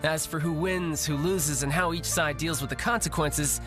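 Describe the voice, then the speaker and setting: An actor playing a polite but competitive young male warrior in a video game, smooth and teasing, with game music behind. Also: on the high side, fairly even intonation, normal speed, natural voice. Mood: confident.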